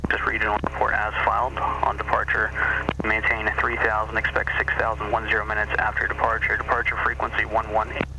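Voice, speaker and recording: A male air traffic controller giving clearances over a broken-up aircraft radio. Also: on the low side, monotone, brisk. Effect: aircraft radio transmission. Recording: very noisy, broken-up aviation radio.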